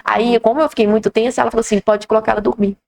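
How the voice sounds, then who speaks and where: Rapid-fire Brazilian woman with gravelly voice. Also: fairly high pitch. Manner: animated retelling with quoted dialogue. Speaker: podcast host. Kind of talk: personal storytelling in conversation.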